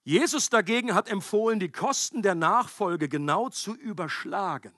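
Male preacher, high and slightly husky, dry close sound; emphatic, chatty sermon delivery. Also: moderate pace, dry recording. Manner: conversational, emphatic preaching with animated acted-out quotes.

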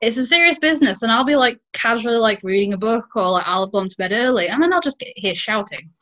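A woman with a fairly high voice comes through a dull, lo-fi call line. She jokes about herself, swears casually and keeps laughing as she talks. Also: animated, fast, pushed and bright. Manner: self-mocking, joking, laughs often. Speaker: podcast co-host. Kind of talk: casual chat. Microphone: video call.

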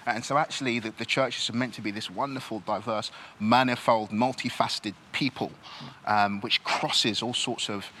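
A man born in Nigeria who grew up in this country, answering questions in a reflective church panel discussion, thoughtful and halting with many restarts. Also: mid-range voice, steady tone, bright, forceful tone, slight background noise.

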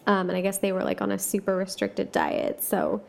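A woman's voice: mid-range voice, big pitch swings, fairly quick, vocal fry, a little mellow. A woman hosting a chatty podcast, talking casually with lots of fillers and asides and reading ghost stories aloud. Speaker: podcast host.

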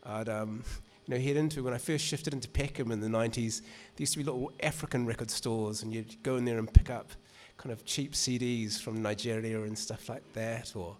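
A man with a New Zealand accent, an author at a literary event, talks to a live audience in a chatty, rambling way, full of restarts and "you know." His medium-pitched voice is steady and a little mellow, moving slightly fast with hardly any pauses.

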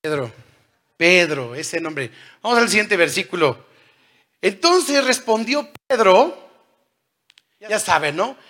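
A man in his thirties preaching a sermon, who swings between loud calls and hushed lines and puts questions to the congregation. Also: high voice, sing-song, takes it slowly, long pauses. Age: 30s.

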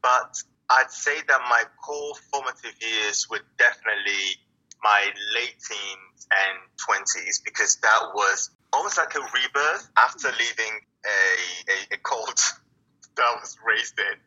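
A man from Italy, a poet guest on an interview, speaks in a very bright, husky voice. He talks in a reflective, halting way, with many restarts. The sound is dull and lo-fi, as if it came over a call. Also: on the low side. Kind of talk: casual interview talk.

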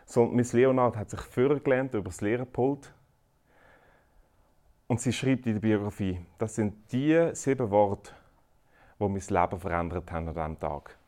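A man preaching a sermon, swinging between loud emphatic lines and quiet earnest asides. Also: fairly low pitch, normal speed.

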